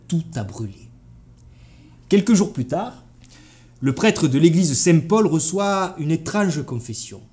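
A man's voice: fairly high pitch, husky. A man with a southern French accent performing a theatrical storytelling monologue. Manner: vivid, animated storytelling. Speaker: actor.

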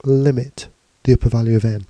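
Stuffy and bunged up from a cold, a male computing teacher narrates a screencast tutorial indoors over slides and screen recordings. His mid-range voice is very dark and husky, his delivery relaxed, casual, and halting with fillers and restarts, and the recording sounds dry and close.

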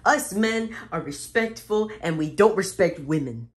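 A woman's voice: on the low side, expressive, a little slow. A woman voicing Luigi as a bossy, boastful grown man in a homemade comedy skit with toys.

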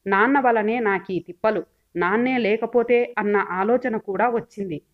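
A woman's voice: mid-range voice, moderate pace, lightly acted. Woman reading as a sulky headstrong village girl. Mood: bitter. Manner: pleading, petulant. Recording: dull lo-fi recording.

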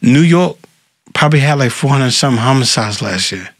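A Philadelphia politician in his thirties talks casually and emphatically as an interview guest, repeating words and often saying "right?" and "facts." His mid-range voice is expressive and fairly quick. It's a dry, clean recording from a small brick-walled studio using a desk mic on a boom arm.

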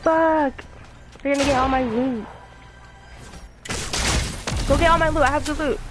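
A woman's voice: high-pitched, a little slow, music in the background. A young woman streaming a game, chatting casually and laughing, her voice cracking from screaming. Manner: excitable, laughing, shouts callouts. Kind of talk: casual gaming chat. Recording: noisy game audio behind.

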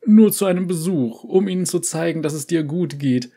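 A man's voice: fairly high pitch, moderate pace, warm tone, voice pushed up. A man voicing a cheerful, pushy elderly male yordle uncle who coaxes relentlessly in a storybook reading. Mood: coaxing.

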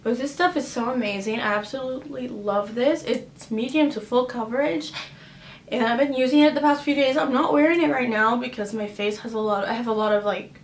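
A woman's voice: on the high side, a little hiss or hum. Chatty young woman in an echoey room. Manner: chatty, upbeat, many "like" and "um" fillers. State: has a cough drop in her mouth. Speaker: vlogger. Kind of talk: casual haul chat. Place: at home, indoors.

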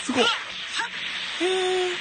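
A man with a Kansai accent giving casual, excitable commentary as he pulls characters in a game, exclaiming and musing aloud. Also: extremely high pitch, drawn-out words, heavy background noise. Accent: Kansai Japanese. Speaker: gaming YouTuber. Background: game music.

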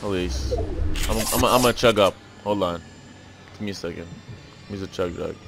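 A man's voice: deep voice, normal speed, gravelly, faint music behind. A man chatting casually as a gaming YouTuber, loose and rambling, with urgent repeated callouts. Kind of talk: casual gameplay chat.

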